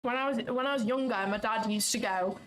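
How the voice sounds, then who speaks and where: A woman's voice: fairly high pitch, brisk, a crowd in the background, rough recording. A woman hosting a trading livestream, chatting casually, giggling and swearing freely. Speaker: livestream host and futures trader.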